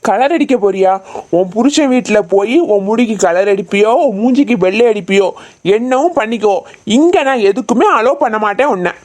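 A woman's voice: a little high, lively intonation, brisk, darkish tone, natural voice. A woman voicing a stern tuition teacher in a cartoon, scolding and bossy.

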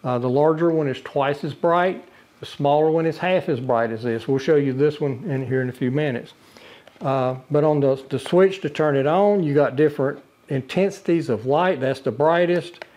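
A fairly high-pitched, slightly mellow male voice at a moderate pace belongs to an older product reviewer. He's casually demonstrating a camping lantern in his living room with a brick wall, speaking plainly and frequently restarting or saying uh.

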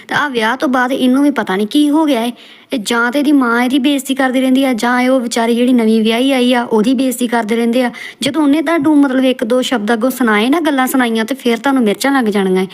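A woman roasting video clips in a scolding, mocking tone. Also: a little high. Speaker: roast commentator.

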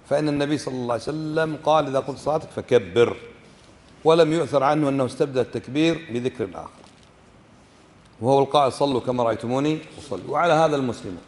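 A sheikh with a Kuwaiti Arabic accent teaches a fiqh lesson explaining a book, his medium-pitched, slightly mellow voice filling a large hall. He questions the class often and demonstrates how words are pronounced.

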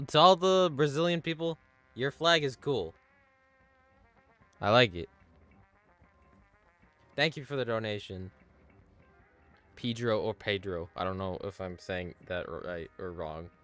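Excitable bright-voiced male game streamer. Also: fairly low pitch. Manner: excitable, laughing, swearing, thanking donors. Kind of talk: live gaming stream chat.

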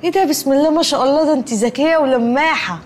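A woman's voice: high-pitched, very fast, slight background noise, lightly acted. An actress playing a cheeky, chatty young woman who wheedles and needles her cousin in Egyptian Arabic. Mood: wheedling. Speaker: cousin, comic film character. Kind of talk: Egyptian comedy film acting.

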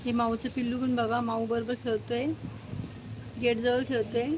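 A woman's voice: a little high, little pitch movement, normal speed, lo-fi sound, noisy background. A woman hosting a casual live stream at home, cooing baby talk to her cat and dog and scolding them sharply. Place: outdoors at home near a gate.

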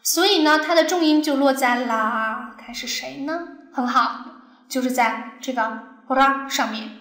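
A high-pitched woman teaches a recorded language lesson. She explains each point slowly, stops often to ask the class questions, and sounds roomy and echoey. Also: a bit bright. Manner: patient, explains step by step, asks the class questions. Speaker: Arabic teacher.

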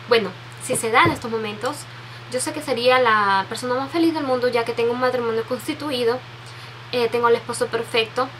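The recording is rough, with slight background noise, as a Peruvian woman in her 20s chats softly into a desk webcam. A beauty vlogger with a fairly high pitch, she reads and answers viewer questions for a casual Q&A tag video from her bedroom with makeup shelves, sentimental and constantly restarting with fillers.

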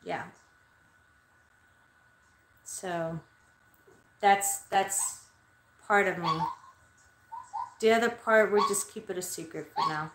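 A woman in her thirties, a spiritual medium, chats loosely with livestream viewers from a small red-lit bedroom, rambling and swearing freely. Her voice sits on the low side, and she speaks slowly with long pauses. The webcam at desk distance gives a reverberant sound with slight background noise.

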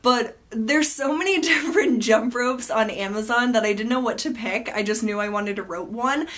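A young American woman talks through her favorite beauty products in a relaxed, chatty way, filling her sentences with ums and likes. Her voice sounds nasal and a little stuffed up from seasonal allergies, and she keeps an upbeat tone. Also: fairly high pitch, moderate pace. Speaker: beauty vlogger. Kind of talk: casual product review.

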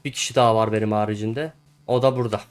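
A young man giving live commentary on a video game, excitable and quick to shout and laugh at his teammates. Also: lowish voice, clean tone. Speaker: gaming YouTuber.

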